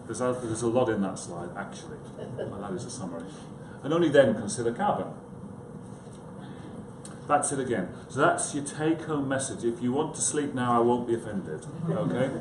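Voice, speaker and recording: An echoey, clearly noisy conference room is the setting for this psychiatrist's informal talk. His mid-range voice is expressive and his pace is normal. He sounds unsure of himself and self-mocking, and he often turns to the audience with casual remarks.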